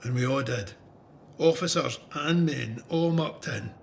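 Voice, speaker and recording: An actor voices a plain-spoken Ayrshire farmer and war veteran, recounting his memoir in a reflective, conversational Scottish manner with a steady sense of recollection. His medium-pitched voice is a little slow and creaky, and there's a faint hiss or hum. It's dramatised first-person memoir narration.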